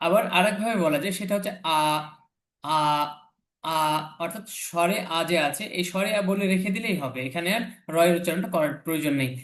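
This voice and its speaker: A man's voice: high voice, very fast, few pauses, a bit bright. A man teaching English letter pronunciation in an online class, patiently repeating each sound. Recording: echoey room.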